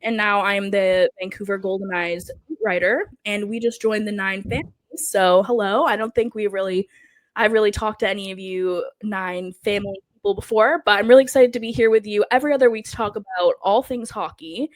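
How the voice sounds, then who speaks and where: A woman's voice: mid-range voice, fairly even intonation, brisk. A woman hosting a hockey podcast in a chatty, upbeat way, her voice worn from losing it. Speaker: podcast host. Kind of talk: casual podcast chat.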